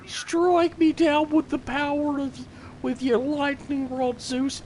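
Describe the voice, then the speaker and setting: A man's voice: little pitch movement, slow pace, a little mellow, slight background noise. A man putting on a theatrical, mock-heroic voice to taunt enemies while playing a game. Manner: theatrical, high and drawn out.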